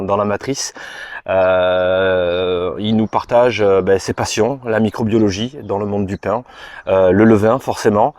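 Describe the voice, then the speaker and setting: A man's voice: on the low side, darkish tone, no room sound. A man hosting a podcast interview, speaking hesitantly with many fillers. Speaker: podcast host.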